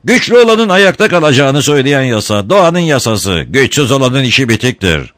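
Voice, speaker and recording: A man's voice: mid-range voice, big pitch swings, fairly quick, a bit bright, dry recording, studio quality, voice pushed up. A man doing a sneering young gang leader. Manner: mocking, blustering. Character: cocky young male gang leader, sneering and hot-headed.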